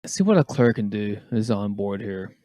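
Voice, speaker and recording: A man's voice: on the low side, expressive, normal speed, dark tone, no echo. A man co-hosting a casual race-watching chat, jokey and calling out what happens on screen. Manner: jokey, calls the action on screen. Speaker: podcast co-host.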